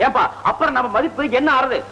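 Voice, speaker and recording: A man's voice: very high-pitched, fast, gravelly, pushed and bright, exaggerated voice, low-quality recording. An actor playing an earnest young son who insists on marrying the girl he loves. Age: young adult. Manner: eager, insistent. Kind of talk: classic film dialogue.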